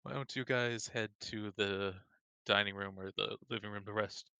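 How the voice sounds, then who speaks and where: Low bright-voiced male player. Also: fairly even intonation, normal speed, creaky, smooth, no echo. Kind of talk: in-character tabletop play.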